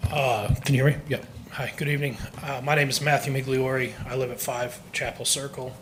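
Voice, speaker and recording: A man speaking at public comment in a council meeting, calm, measured and polite. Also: medium pitch, background noise.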